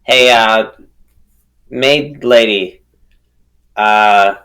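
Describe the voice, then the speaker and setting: A man's voice: on the low side, very slow, pushed and bright, smooth, rough recording. A man playing a tabletop game, speaking casually in character.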